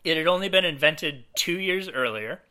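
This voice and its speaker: Bright-voiced man chatting about films. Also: a little high, moderate pace. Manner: relaxed, lots of fillers, acts out quotes. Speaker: podcast co-host. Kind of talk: casual film discussion.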